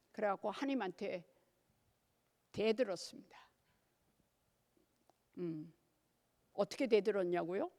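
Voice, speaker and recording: An older nun speaks with a Gyeongsang Korean accent in a somewhat high, gravelly voice. Her pitch swings widely as she tells her story to a church audience. She keeps putting questions to her listeners. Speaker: nun giving a parish lecture. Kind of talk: church lecture. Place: church hall.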